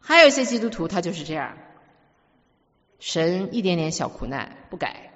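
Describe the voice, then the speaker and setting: Animated woman preaching in a hall. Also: lowish voice, normal speed. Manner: emphatic, storytelling with repeated words. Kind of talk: sermon. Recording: dull recording with long hall reverb.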